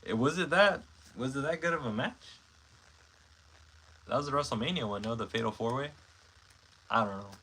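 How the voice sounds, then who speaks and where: Speaking at a normal speed with long pauses, this twentysomething man from Mexico has a medium-pitched voice that is bright, forceful, and slightly rough. A stop-motion creator, he hosts a casual livestream, reading viewer comments and rambling with frequent fillers and self-corrections. The recording quality is low.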